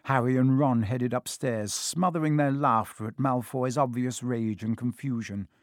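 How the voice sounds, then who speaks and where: A man reads a children's storybook aloud with a measured, expressive delivery at a mid pitch. The sound is close and dry, with no room around it. It has the steady pull of a classic audiobook narration. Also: no room sound.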